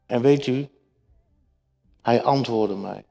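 A man's voice: mid-range voice, slow, creaky, mellow, soft background music. A man preaching a sermon to his congregation, emphatic and repetitive, speaking to them directly. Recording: echoey hall with long reverb.

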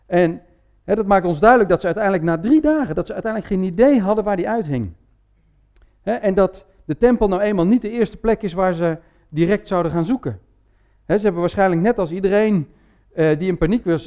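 High-voiced man preaching a sermon. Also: dull audio. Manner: conversational, with frequent tag words and restarts. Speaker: pastor. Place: church.

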